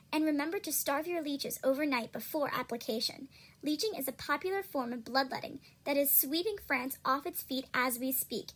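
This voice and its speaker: A woman playing an upbeat, salesy pitchwoman in a parody pharmaceutical ad, persuasive and scripted. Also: a bit bright. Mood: upbeat sales pitch. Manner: salesy, persuasive announcer delivery. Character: upbeat 17th-century female drug-commercial pitchwoman selling cures.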